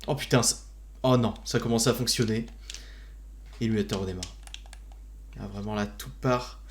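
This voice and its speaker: A man's voice: on the low side, fairly even intonation, moderate pace. A man doing casual live gaming commentary as a streamer, with a jokey, mock-grand manner and muttered asides. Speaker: video game streamer.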